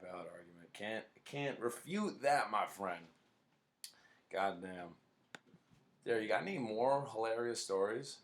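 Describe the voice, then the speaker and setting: A man's voice: lowish voice, measured pace, pauses often. A man hosting a casual podcast, talking bluntly and swearing a lot. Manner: profane, blunt and animated. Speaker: podcast host.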